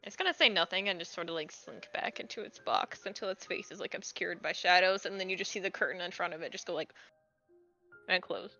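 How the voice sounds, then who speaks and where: Woman, game master, casual narration, bright voice, slightly dull recording, faint music behind. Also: lowish voice, a little fast.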